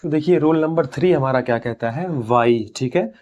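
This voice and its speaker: A man leads an English grammar lesson in a classroom manner. His voice sits at a middle pitch, and he works through the rules step by step. He poses questions and answers them himself, and reads English phrases slowly and carefully. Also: darkish tone, highs cut off.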